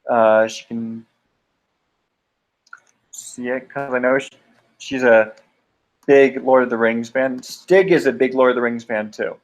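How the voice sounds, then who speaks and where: A man's voice: mid-range voice, steady tone, a little slow, long pauses, low-quality recording. A male streamer chatting casually, mumbling to himself while he browses. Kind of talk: casual chat.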